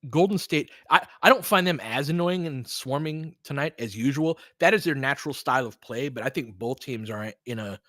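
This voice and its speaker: Speaking a little fast with few pauses, a basketball play-by-play host and coach gives expressive, conversational live commentary, mildly profane and full of trailing asides. His voice is medium-pitched with a fairly bright tone, and the recording is dry and studio-clean.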